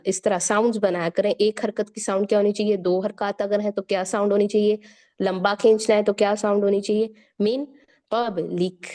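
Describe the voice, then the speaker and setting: A woman teaching Quran recitation rules, explaining patiently and stretching words slowly to demonstrate. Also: medium pitch, mellow. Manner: explains step by step and checks in with listeners. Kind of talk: tajweed lesson, explaining and demonstrating.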